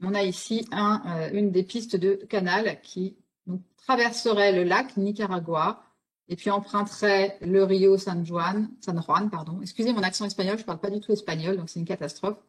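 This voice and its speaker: A woman gives a spontaneous, illustrated online history lecture, explaining step by step with frequent fillers and self-corrections. Her mid-range voice has fairly even intonation at a normal speed.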